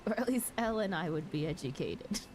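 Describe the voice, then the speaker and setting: An animated, brisk woman with a fairly low, slightly mellow voice hosts a game livestream, chatting casually with viewers. Music plays in the background, and the audio is poor, with a little hiss or hum.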